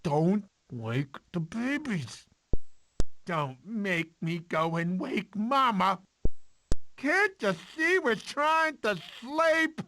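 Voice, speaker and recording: An actor playing a cowardly, talkative male sloth in an animated video game, with an excitable, theatrical, whiny delivery. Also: high voice, extremely slow, slight background noise, full character voice. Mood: panicked, whiny.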